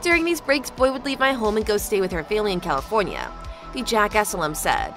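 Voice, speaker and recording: A woman's voice: medium pitch, very animated, fast, a bit bright, soft background music. A woman reading a scripted news narration as the narrator.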